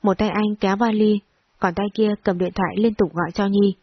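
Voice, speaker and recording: Husky woman narrating a romance story. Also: medium pitch, steady tone, fairly quick, no room sound. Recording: dull lo-fi recording, dry.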